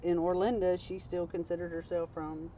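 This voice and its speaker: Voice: medium pitch, little pitch movement, moderate pace, mellow, distant mic, slight background noise, rough recording. A speaker from Tennessee with a Southern accent, telling rambling stories in casual chat. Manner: rambling, anecdotal, many "like" fillers. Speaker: interviewee, local.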